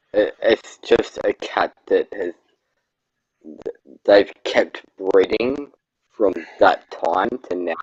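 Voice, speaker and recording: A man calling into a stream over a poor connection, talking slowly in a crude, joking way. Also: low-pitched, a little mellow, husky, no room sound. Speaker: caller on stream. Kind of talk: casual chat. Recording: dull, lo-fi online call connection.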